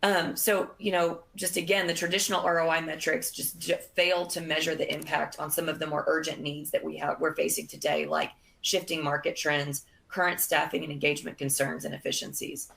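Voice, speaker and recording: A woman presenting a business webinar, losing her voice, in a measured delivery with frequent fillers. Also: low-pitched, little pitch movement, creaky, fairly bright tone.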